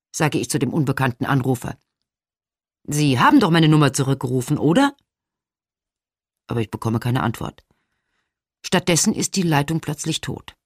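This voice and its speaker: A woman reading a novel aloud in the first person as an audiobook narrator, measured and expressive. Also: deep voice, husky, no room sound, studio quality.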